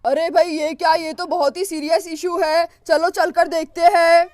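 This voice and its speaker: A woman voicing a helpful young husband in a cartoon story, speaking loudly in a lowered voice. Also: level tone, normal speed, no room sound, clean studio sound. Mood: alarmed. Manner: loud, low put-on male voice. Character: young adult husband, helpful and easily startled.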